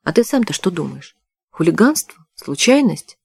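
A woman's voice: lowish voice, very animated, moderate pace, creaky, husky, no echo, clean studio sound, full character voice. A woman voicing an anxious, tired young heroine in an audiobook, speaking plaintively. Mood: worried. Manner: plaintive, pleading.

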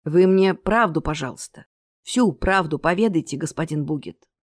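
A woman's voice: low voice, normal speed, dry recording, studio quality, pitched below the performer's own voice. A woman voicing a nervous young male bard who threatens and then pleads, in an audiobook reading. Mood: pleading. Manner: tense, whispering threats.

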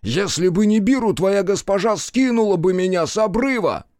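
A male audiobook narrator voicing a fierce young woman warrior who snarls and shouts in anger. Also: high-pitched, animated, normal speed, dry recording, clean studio sound, voice pushed up. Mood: furious.

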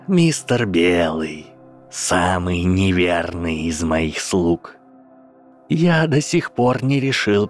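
Voldemort, slow and icy, as a man reads him. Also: heavily acted. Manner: slow, low and deliberate. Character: cold menacing dark lord, amused and cruel.

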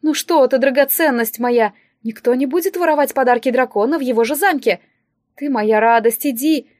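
A woman's voice: high voice, moderate pace, a little mellow, dry recording, studio quality, close to an everyday voice. A woman voicing a fussy, doting male palace steward who talks down in a sugary, gushing way. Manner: gushing, patronizing, overly sweet.

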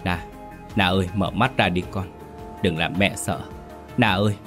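A man's voice: low-pitched, measured pace. Weeping mother read by a man, trembling, choked, faint music behind. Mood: frantic.

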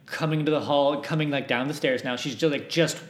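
A man's voice: a little high, fairly quick. A man acting as game master for a tabletop role-playing game, talking with many fillers and restarts. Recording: echoey room.

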